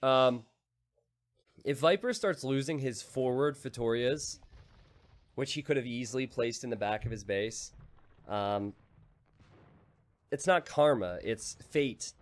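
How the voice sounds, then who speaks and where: A man's voice: mid-range voice, slow, pauses often. A man casting a live strategy game, full of puns he then mocks himself for, often laughing at his own jokes. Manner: punning, self-mocking, laughs at own jokes. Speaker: caster.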